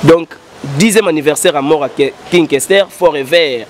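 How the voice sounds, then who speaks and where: A man's voice: a little high, a little hiss or hum. A man in his thirties telling rambling stories in an interview, switching between French and Lingala, speaking into a handheld mic outdoors. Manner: gestures broadly, mixes French and Lingala in fast rambling recollection. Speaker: interviewed musician. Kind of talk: animated storytelling interview. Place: outdoor studio set with painted backdrop. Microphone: handheld mic held by interviewer.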